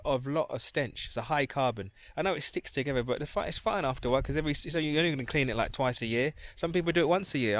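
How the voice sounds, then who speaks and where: A man's voice: medium pitch, fairly bright tone, no room sound. A man giving a rambling, casual vlog tour of his croft outdoors, talking to a handheld camera. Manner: chatty, rambling, self-correcting. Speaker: crofter vlogger. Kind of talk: casual vlog walk-around.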